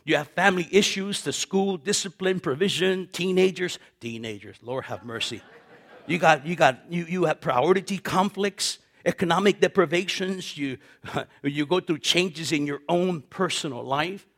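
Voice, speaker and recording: This man in his fifties speaks at a normal pace with a voice on the high side. He's a pastor preaching through personal anecdotes, laughing frequently, repeating himself, and performing other people's voices with lively energy.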